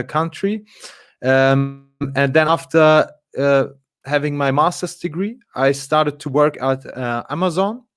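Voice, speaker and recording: A man's voice: mid-range voice, no room sound, studio quality. A man, a guest in a casual live interview, talking with many fillers and restarts. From Germany. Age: 20s.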